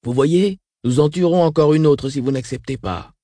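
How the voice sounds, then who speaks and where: A man reading the part of a frail, weakened old woman who speaks flatly and stays unshaken. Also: a little high, moderate pace, dry recording, pitched above the performer's own voice, natural voice. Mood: grim. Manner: flat, unshaken. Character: frail elderly sister, weakened and coughing.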